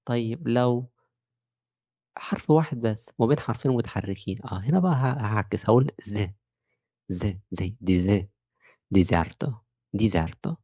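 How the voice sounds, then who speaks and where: A man with an Egyptian Arabic accent gives an Italian pronunciation lesson, explaining the rules step by step and slowly repeating example words. His medium-pitched voice is animated with a dark tone, and there is no room sound.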